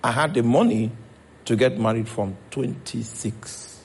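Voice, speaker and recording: A man's voice: medium pitch, measured pace, gravelly, slight background noise. A man with a Nigerian accent preaching a sermon as pastor, checking in with his congregation as he goes.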